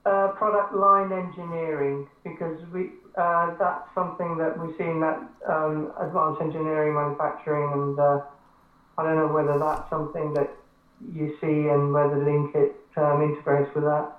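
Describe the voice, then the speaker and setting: Halting man on a crackly phone line. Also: a little high, flat delivery. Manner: hesitant, halting, apologetic. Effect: crackly phone line, calling in on a mobile. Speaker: webinar moderator. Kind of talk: casual call chat. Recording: tinny echoey phone line.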